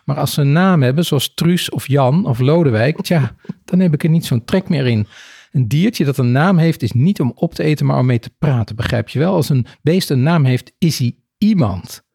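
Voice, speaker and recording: A man voicing a hungry male crow while reading a children's book aloud, with a gravelly, husky voice. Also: a little high, normal speed, no room sound, clean studio sound, exaggerated voice. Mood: musing. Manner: read aloud from a storybook, calm and musing. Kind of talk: storybook reading.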